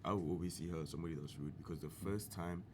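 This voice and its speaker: A man's voice: low voice, rapid-fire. A man guesting on a casual podcast, explaining his points earnestly and patiently. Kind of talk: casual chat. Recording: noticeable background hiss.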